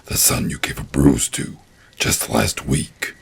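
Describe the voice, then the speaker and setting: Gravelly, rotting evil Santa monster. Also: male voice, extremely low pitch, steady tone, slow pace, in a whisper, pitched below the performer's own voice, full character voice. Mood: coldly accusing. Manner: cold, hissing, unmoved. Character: rotting, towering evil Santa-like male monster, cold and merciless. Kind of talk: horror story narration.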